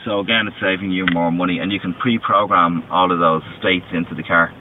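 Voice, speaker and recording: A low-voiced man in his thirties walks through a car's controls one step at a time, patient and methodical. He sits a little away from the mic inside a parked car. The sound is thin and phone-like, with a faint hiss underneath. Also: steady tone, brisk. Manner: patient, step-by-step explaining with restarts. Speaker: car company representative. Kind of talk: explaining car features, demonstration. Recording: distant, tinny, lo-fi with faint noise.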